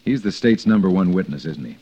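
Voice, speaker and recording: A man's voice: low voice, animated, a little fast, mellow, slightly rough. An actor playing a hard-edged man on the run after a false accusation, in clipped, insistent old-time radio drama style. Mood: determined. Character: hard-edged male fugitive wrongly accused. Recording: dull lo-fi old radio recording.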